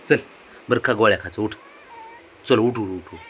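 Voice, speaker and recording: A young man, coaxing and sweet-talking his pet cat at home, repeating himself softly. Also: fairly low pitch, moderate pace, slight background noise. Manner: coaxing, repetitive, soft-spoken with a pet. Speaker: cat owner. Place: home, indoors.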